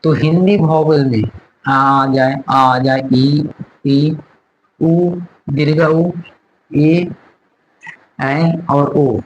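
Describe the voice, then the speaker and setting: Slow, repetitive male grammar teacher. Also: a little high, steady tone, lo-fi sound. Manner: slow, repeats words and letters aloud, asks questions to students. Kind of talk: classroom-style grammar lesson.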